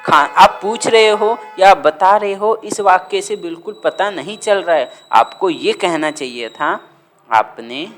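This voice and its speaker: A man teaching a grammar lesson, dictating words slowly and repeating them for students to write down. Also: sits high, expressive, a bit bright, soft background music.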